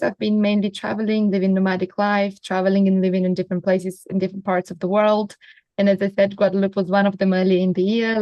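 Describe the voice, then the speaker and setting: A woman from Bulgaria speaks as an interview guest, in calm, flowing sentences. Her tone stays level, with little rise and fall. The sound is dry and close, with no room echo. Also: mid-range voice, highs cut off. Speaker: Kundalini teacher. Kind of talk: interview answers.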